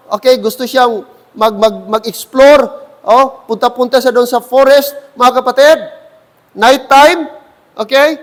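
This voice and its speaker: High-voiced Filipino man preaching in an echoey hall. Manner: mixes Tagalog and English, preacherly asides to the congregation. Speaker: pastor. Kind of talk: sermon. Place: church.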